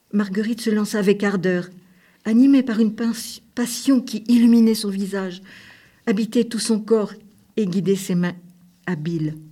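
A woman narrating a storybook. Her reading is gentle and measured, with a mid-range voice. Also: medium pitch.

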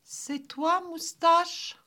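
Fillette d'une dizaine d'années, jouée par une femme, voix aiguë et claire. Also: female voice, steady tone, very slow, pushed and bright, exaggerated voice. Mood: curious. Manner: high, childlike. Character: little girl about ten, curious then panicked.

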